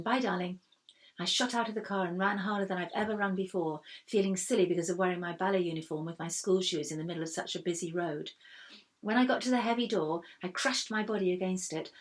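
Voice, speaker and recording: A woman reading a first-person children's story aloud in a steady, expressive way. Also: lowish voice, quick pace. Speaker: reader.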